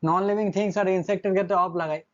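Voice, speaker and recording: A man's voice: high voice, fairly even intonation, racing, muffled recording. A man teaching an English grammar lesson, constantly checking with his students through short questions.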